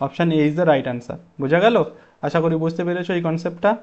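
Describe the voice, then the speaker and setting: A man's voice: a little high, a little fast, a little mellow, lo-fi sound. A man teaching an exam-prep English grammar lesson, explaining step by step and asking his students questions.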